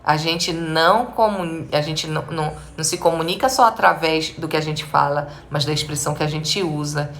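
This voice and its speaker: A woman's voice: sits low, moderate pace, few pauses, fairly bright tone. A woman with a Brazilian Portuguese accent, a speech therapist giving a live advice talk to parents, speaking emphatically and asking them direct rhetorical questions.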